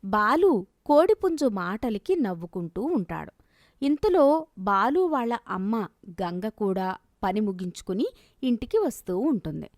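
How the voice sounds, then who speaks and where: A woman narrating a storybook cartoon in a calm, steady storytelling manner. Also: medium pitch, no room sound, clean studio sound.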